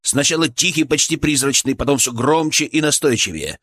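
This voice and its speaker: A male audiobook narrator reading a first-person fantasy story. His delivery is tense and dramatic, and he builds urgency as he reads. He sits at an ordinary middle pitch. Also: brisk, a bit bright.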